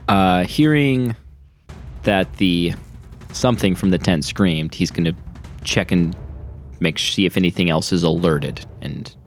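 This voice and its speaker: A man playing a tabletop game, talking slowly and haltingly in a low-key way. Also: soft background music. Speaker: player.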